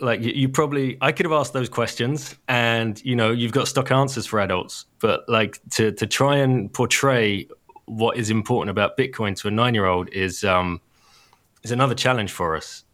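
A man hosting his podcast, talking casually with frequent pauses and restarts. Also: mid-range voice, a bit bright. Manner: halting, many fillers and restarts. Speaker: podcast host.

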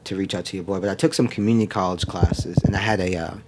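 A painter in his 30s reflects during a casual interview, his speech full of "like" and "um" fillers. He talks quickly in a low, steady voice, recorded in an indoor studio with mic arms and a noisy background.

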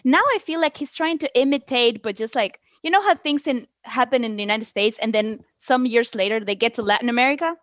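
A woman, co-hosting a casual podcast, animated and joking. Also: fairly high pitch, brisk, hardly any pauses, no echo, studio quality. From Mexico. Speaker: podcast co-host. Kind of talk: casual chat.

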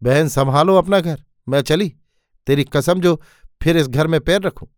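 A meddling older aunt with a sharp, taunting tongue, put on by a male storyteller. The voice sits raised above his own and scolds in a story reading, dry and close. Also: fairly high pitch, unhurried, no echo, voice pushed up, lightly acted. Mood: offended.

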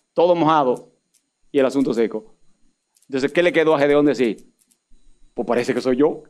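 Animated preaching man, high-pitched. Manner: animated preaching, swings from loud emphatic peaks to low asides. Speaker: pastor. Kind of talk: sermon.

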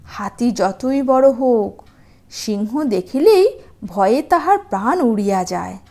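A woman's voice: high-pitched, darkish tone. A woman storyteller reading expressively for young children, with a sweet, sing-song way of addressing them. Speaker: storyteller hosting a children's channel.

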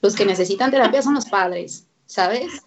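A woman's voice: mid-range voice, normal speed, lo-fi sound. A woman, a therapist guest on a parenting radio interview, talking animatedly and acting out parents and children.

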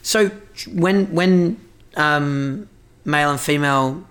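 A man's voice: a little high, slow, a bit bright. Joking man in casual podcast chat. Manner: joking, loose, swears freely. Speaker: podcast co-host.

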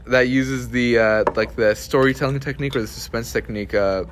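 A young man rambling in a casual podcast chat, halting and full of filler words. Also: medium pitch, fairly even intonation, background noise. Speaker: podcast co-host.

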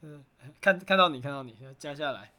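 A woman's voice: low-pitched, brisk, pushed and bright. A woman in her twenties with a Taiwanese Mandarin accent, co-hosting a podcast in casual, joking, self-mocking chat. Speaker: podcast co-host.

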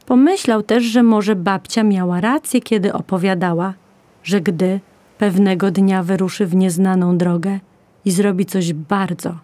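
Slow, mellow woman reading a story. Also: mid-range voice, no echo. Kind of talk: scripted children's story narration.

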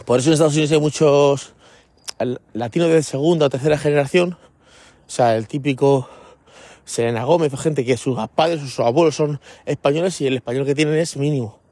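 A man's voice: a little high, a little fast, warm tone, no echo. A man hosting a podcast in a casual solo monologue. He rambles and keeps checking in with his listeners, recorded while walking outdoors. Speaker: podcast host.

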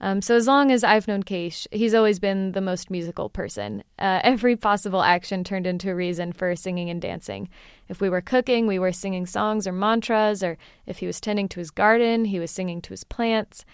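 A woman's voice: medium pitch, a little fast, smooth, no echo, studio quality. A woman hosting a music podcast, chatting in a friendly way with frequent fillers. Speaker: podcast host. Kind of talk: podcast intro and phone interview.

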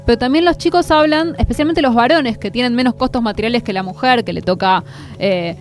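Lively Argentine woman, higher voice. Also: fairly quick, faint music behind. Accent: Rioplatense Spanish. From Buenos Aires, Argentina. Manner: lively, expressive, laughs easily. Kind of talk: casual conversation.

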